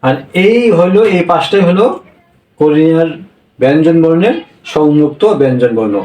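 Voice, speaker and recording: A man teaching a language class, explaining slowly and repeating each point, often checking with a quick "yes?". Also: fairly high pitch, animated, mellow. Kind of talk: classroom-style lesson. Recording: echoey room, voice from a distance.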